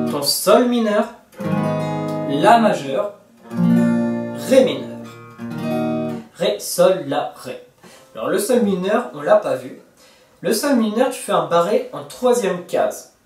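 A man with a high, expressive voice gives a guitar tutorial, speaking a little slowly and pausing often. He addresses the viewer informally, counting beats and singing lyric snippets over his guitar. The sound is roomy and recorded from a distance.

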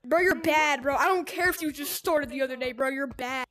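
A woman's voice: high voice, fairly quick, fairly bright tone, slight background noise. A woman trash-talking other players in a VR game, repeating "bro" as she taunts. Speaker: gameplay streamer.

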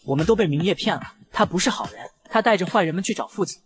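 A petulant, spoiled young noble, as a man puts him on, whining and demanding in a lively, swooping voice. It is acted in a comic recap style. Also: high voice, rapid-fire. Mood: whiny. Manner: whiny, petulant. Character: spoiled whiny noble boy.

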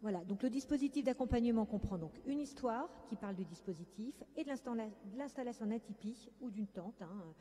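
A woman's voice: fairly high pitch, lively intonation, a little fast, hardly any pauses, warm tone. A woman clinical psychologist giving a conference talk, speaking hesitantly with many fillers. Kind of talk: conference lecture. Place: conference hall. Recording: echoey conference hall.

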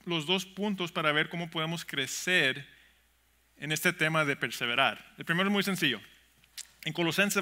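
A man's voice: sits high, sharp tone. A male pastor, preaching a sermon to his congregation in a conversational way, chuckling and calling for amens. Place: church sanctuary.

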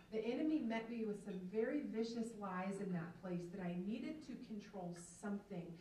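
In a large banquet room, a Southern woman in her thirties from Atlanta gives a keynote faith testimony, her storytelling earnest and emphatic as she grips a handheld mic. She has a medium-pitched, darkish voice with a faint hiss or hum behind it. The sound is distant and echoey, like a hall.

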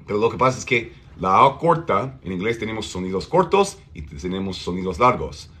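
A man teaching an English pronunciation lesson, slowly drawing out vowel sounds to demonstrate them. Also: fairly low pitch, very animated, bright, forceful tone.

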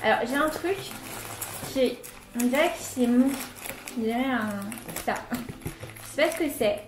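A fairly high-voiced woman chats eagerly as she unboxes gifts, full of little fillers and happy exclamations. Her voice rings in a roomy, echoey space. Soft music plays quietly behind her. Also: unhurried. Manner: chatty and enthusiastic, many fillers. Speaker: unboxing vlogger. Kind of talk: casual unboxing chat. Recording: echoey room with light music.

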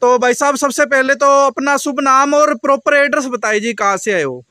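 Middle-aged male host, very high bright voice, dry close mic, outdoor farm interview, leading questions. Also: moderate pace, no room sound. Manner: repetitive, leading questions with polite "ji". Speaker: dairy channel host interviewing a buyer. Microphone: small handheld mic.

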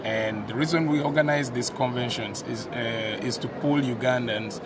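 Association leader in a noisy interview. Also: male voice, medium pitch, moderate pace, recorded from a distance. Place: indoor event backdrop. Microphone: handheld mic held to him.

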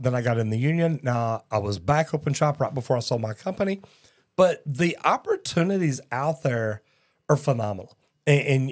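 A podcast host in his sixties uses a mid-range, darkish voice while hosting a casual live talk show. Folksy and upbeat, he often says "man" to people, speaking into a boom-arm broadcast mic on a studio set.

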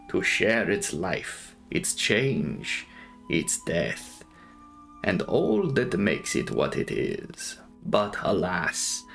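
A man voicing a courtly, commanding Transylvanian count in an audiobook, speaking in formal, drawn-out, measured phrases with a sinister edge. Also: sits low, gravelly, fairly bright tone, full character voice. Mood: courtly, longing. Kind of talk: dramatic audiobook character reading.

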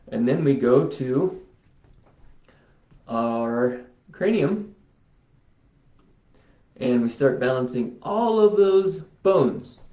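A man talks slowly and unhurriedly, wandering from thought to thought as if talking to himself. His voice sits in the middle range. The recording has a roomy echo and a dull, lo-fi sound. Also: mid-range voice. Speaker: vlogger. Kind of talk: casual self-healing demonstration vlog.

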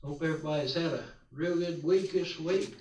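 A man preaching at a pulpit microphone, reading scripture slowly and deliberately with small stumbles. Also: on the high side, a little mellow. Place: church sanctuary. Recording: roomy church sound from a distance.

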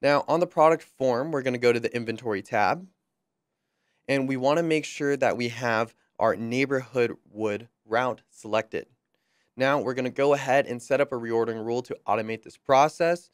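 A young man talks through a software tutorial in a smooth, clean voice, recorded close and dry. His delivery is friendly and upbeat, with a light joke now and then. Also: medium pitch, no room sound. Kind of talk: screen-recorded software walkthrough.

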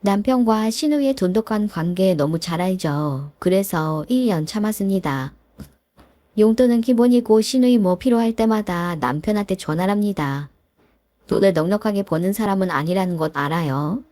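A woman's voice: mid-range voice, expressive, fairly quick, dark tone, dry recording. A woman telling a family drama story in a plain, exasperated tone. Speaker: narrator.

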